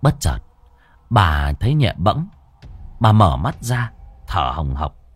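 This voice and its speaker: A man's voice: deep voice, sing-song, takes it slowly, dry recording. Dramatic male ghost-story narrator.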